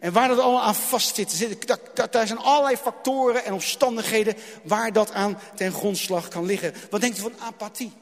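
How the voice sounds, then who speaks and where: A man preaching a sermon in a dramatic manner, repeating phrases and swinging between loud and hushed delivery. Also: high voice, brisk. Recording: long hall reverb.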